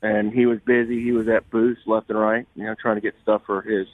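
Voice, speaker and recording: A man calling in by phone from a trade show, talking about products with lots of pauses and fillers. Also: on the low side, flat delivery, no room sound. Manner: halting, many fillers. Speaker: caller from a hunting gear company. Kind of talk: casual phone interview. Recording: tinny phone line.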